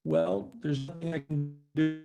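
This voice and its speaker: A man's voice: a little high, animated, measured pace, loud music behind the voice. A man on a video call whose audio keeps cutting out, his speech choppy with clipped endings as he trails off and restarts. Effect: choppy video call audio cutting out mid-word. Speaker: network marketing team leader. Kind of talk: video call training presentation. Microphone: computer mic on a video call.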